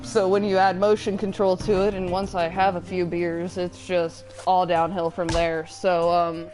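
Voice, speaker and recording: A woman hosts a gaming chat in a casual, teasing way, chatting and reading out viewer comments. Her lowish voice has little pitch movement and a measured pace, and the rough recording has loud music behind her.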